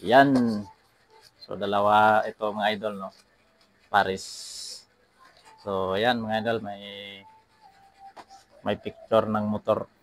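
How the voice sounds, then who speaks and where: A vlog host with a Filipino accent and a lowish voice speaks slowly and flatly, pausing often. He casually unboxes something for his viewers, frequently repeating phrases and address tags, with some background noise.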